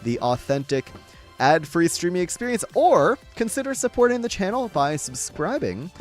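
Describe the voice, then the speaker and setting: A man's voice: high-pitched, very animated, moderate pace, soft background music. A man livestreaming a game, chatting with viewers in jokey, rambling banter. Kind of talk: live gameplay commentary.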